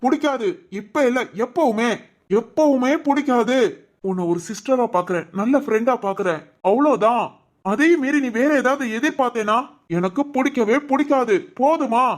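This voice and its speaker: A woman's voice: on the high side, normal speed, close to an everyday voice. A woman voicing a young man in a cartoon family story, firm and pleading, with a southern Tamil Nadu accent. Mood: exasperated. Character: young man, earnest, firm groom refusing to marry. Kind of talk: cartoon voice acting.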